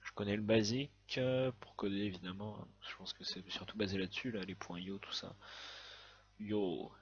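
A man with a low, husky voice gives a casual let's-play commentary, jumping between excited outbursts and swearing at other players. His recording sounds dull and lo-fi, as from a cheap home microphone. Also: normal speed. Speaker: gaming video host.

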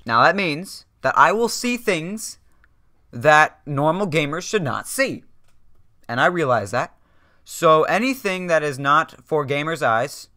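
A young man vlogging from a dark room at home into a desk mic, rambling, joking and correcting himself constantly. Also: a little high, no room sound, clean studio sound. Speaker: YouTuber. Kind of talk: rambling self-deprecating vlog.

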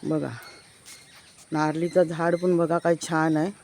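With a low, level, darkish voice and a slow pace, a woman from Konkan, India, shows viewers around her village on foot, walking between houses. The recording carries a slight hiss or hum alongside chirping birds, and she eagerly keeps prompting everyone to look.

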